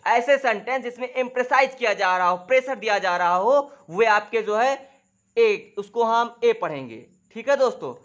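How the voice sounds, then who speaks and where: A man teaching English grammar in a lesson, who keeps calling the viewers "friends", asks if they follow, and spells out example sentences slowly, word by word. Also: extremely high pitch, expressive, fairly bright tone, lo-fi sound. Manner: repeats "dosto" and "theek hai" constantly, drawing on a board. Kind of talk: classroom-style grammar lesson.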